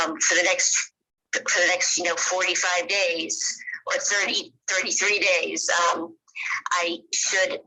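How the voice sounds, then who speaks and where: Give me a woman on a video call over a bad, relayed connection: bright, husky, speaking haltingly with many pauses as she asks for support in an online meeting. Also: lowish voice, rough recording. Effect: bad connection, relayed through another caller's phone and laptop. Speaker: volunteer committee chair.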